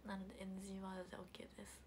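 Give me a young woman with a light Hiroshima dialect, chatting on a livestream with a medium-pitched voice over a faint hiss. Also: monotone, rapid-fire. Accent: picking up Hiroshima dialect. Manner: chatty, drops into soft murmured asides. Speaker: idol livestreamer. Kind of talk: casual livestream chat reading viewer comments.

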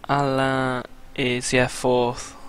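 A man, commentating a sim racing event in a relaxed, chatty way. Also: mid-range voice, extremely slow, clear, resonant tone. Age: 20s. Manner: relaxed, chatty, reads out lap times with fillers. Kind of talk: casual race commentary.

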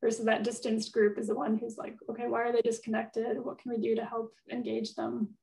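A woman answering audience questions as a guest expert, thinking aloud and hedging with plenty of fillers. Her voice sits a little high but stays flat in melody. She sounds set back from the microphone on a video call. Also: fairly quick, creaky, far from the mic, rough recording. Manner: thoughtful, hedging, many fillers. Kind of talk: conversational Q&A answers.

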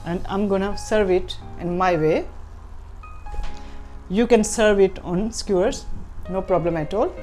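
A middle-aged woman leads a cooking demonstration in a TV studio kitchen. She speaks straight to the viewers at an even pitch, guiding them step by step in a calm, instructive manner, while soft music plays faintly underneath. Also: measured pace, long pauses. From Pakistan. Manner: relaxed, instructive, addresses viewers directly. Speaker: cooking show host.

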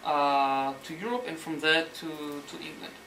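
A man lecturing on history as a story, animated and sometimes searching for words, acting out the quotes. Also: on the high side, moderate pace, gravelly. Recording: roomy hall, mic at a distance, faint noise.

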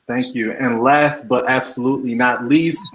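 A man's voice: medium pitch, fairly even intonation, normal speed, a bit bright, poor audio. A man moderating an online panel over a video call, reading formal prepared remarks.

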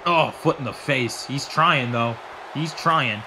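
A man doing excitable solo play-by-play of a wrestling match, swearing and breaking into shouts. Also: medium pitch, slow, noisy background. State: out of breath. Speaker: wrestling commentator.

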